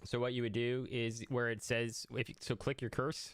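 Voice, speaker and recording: A man's voice: mid-range voice, level tone, normal speed, no room sound, clean studio sound. A man running an online tabletop roleplaying game as game master, narrating and explaining in a descriptive way.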